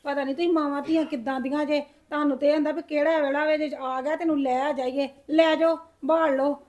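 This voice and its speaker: A lonely old grandmother, played by a woman in a village drama, forever sighing and lamenting and muttering to herself. Her voice sits a little high for a woman of her years. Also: fairly even intonation, fairly quick, a little mellow, lightly acted. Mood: bitter. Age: older. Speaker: grandmother in a short film.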